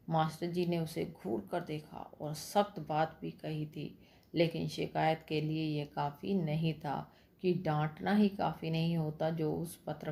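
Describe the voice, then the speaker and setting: A woman's voice: low-pitched, gravelly, dark tone. A woman school teacher explaining a story lesson, who keeps speaking to the children and answering her own questions.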